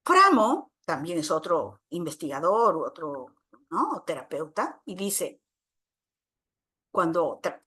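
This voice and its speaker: A woman with a Latin American Spanish accent gives a conference lecture in a conversational way. Her pitch swings widely and expressively, and she keeps checking in with her listeners through tag questions. She slips into short acted-out exchanges when she tells personal stories. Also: pushed and bright. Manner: tells personal anecdotes, acting out dialogue. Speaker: lecturer, family therapist.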